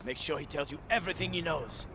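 A man's voice: a little high, fast, pushed and bright, a little hiss or hum. An actor playing a cruel, mocking male soldier interrogator in a video game, with music underneath. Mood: taunting. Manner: sneering, taunting.

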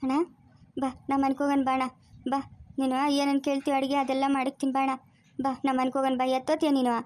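Woman playing a pleading granny, cartoon, fast and flat, dry mic. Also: high voice, dry recording, lightly acted. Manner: begging, tearful pleading. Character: pleading older village woman, soft-hearted grandmother.

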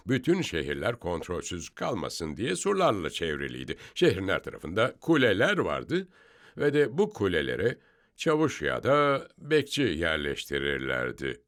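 A low-voiced man leads a scripture study discussion, explaining each passage step by step. His pitch rises and falls a lot as he stresses points, and he sounds emphatic and instructive. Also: a bit bright. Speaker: Bible teacher.

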